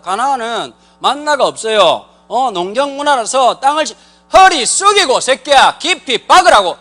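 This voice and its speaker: A man pastor delivers a comic sermon at a rapid clip, his voice swinging high and low as he jokes. He talks in slang, throws questions straight at the crowd and slips into quick character voices. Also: fairly bright tone. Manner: joking, slangy, quizzes the crowd directly. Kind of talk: lively comic sermon to a congregation.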